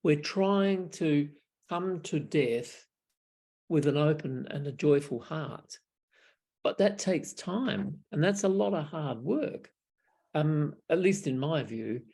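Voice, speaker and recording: An older Australian man, a Buddhist monk, tells wry, reflective stories in casual talk over a video call from a small room at home, using his webcam mic. His fairly high, slow voice is gravelly and darkish, with lively intonation. He chuckles often and frequently restarts his sentences.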